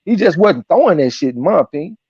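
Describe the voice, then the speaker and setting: A man's voice: a little high, very animated, fast talker, darkish tone, slightly rough, no echo. A man hosting a live boxing stream in a casual, slangy and profane way, chatting through fight opinions and reading viewer comments aloud. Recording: dull lo-fi audio.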